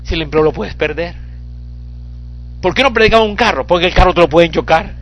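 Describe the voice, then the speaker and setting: A man preaching a fiery sermon, swinging from hushed, almost whispered lines to tearful shouts. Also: a little high, a little fast.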